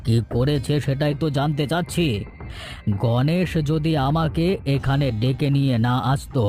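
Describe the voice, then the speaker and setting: Cartoon role: a man as a stern village headman, mellow warm tone, faint music behind. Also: on the high side, normal speed, lightly acted. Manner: stern, authoritative. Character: firm fair-minded male village headman. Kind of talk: cartoon dubbing.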